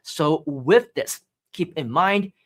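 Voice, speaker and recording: A Hong Kong man in his thirties hosts a live-streamed marketing training in a conversational way. He asks viewers questions, says "right?" often and reads out chat messages. His voice is a little high and slow, with lively intonation.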